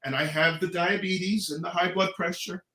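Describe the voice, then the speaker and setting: A middle-aged American man with a bright, fairly high voice speaks casually and earnestly. He is emphatic, repeating phrases for stress, and the sound is roomy and echoing. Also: steady tone, moderate pace. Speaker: Pride organizer and guest. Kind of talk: animated casual talk, earnest community advocacy.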